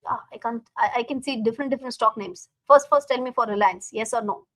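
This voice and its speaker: Higher-pitched Indian-accented woman hosting a live stream. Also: fast, a bit bright, no echo. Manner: repeats phrases, addresses viewers directly. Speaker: live stream host and finance teacher. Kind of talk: casual live stream talk to viewers.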